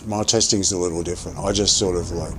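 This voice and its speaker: A man's voice: deep voice, steady tone, quick pace, background noise. A man streaming a game and chatting casually, thinking aloud with lots of restarts while chewing gum. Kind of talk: casual gameplay commentary.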